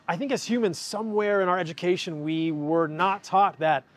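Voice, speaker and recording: A man's voice: high voice, moderate pace. Emphatic man explaining in a store. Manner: energetic and emphatic, gesturing while holding products. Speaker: health educator and video host. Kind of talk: on-camera explainer. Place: large indoor grocery store. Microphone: lapel mic.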